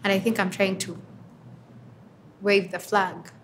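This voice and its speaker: A woman's voice: mid-range voice, flat delivery. Young Ugandan woman, twenties, earnest interviewee, reflective pacing, slight noise bed. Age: 20s. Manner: earnest, reflective, with pauses and fillers. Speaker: interviewee, advocate for women and girls. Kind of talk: answering interview questions.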